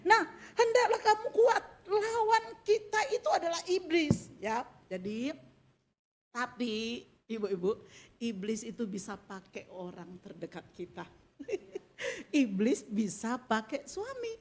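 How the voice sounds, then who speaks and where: A middle-aged woman preaching a sermon in a chatty, animated way, addressing the women directly with laughing asides. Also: a little high, slow pace. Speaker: pastor.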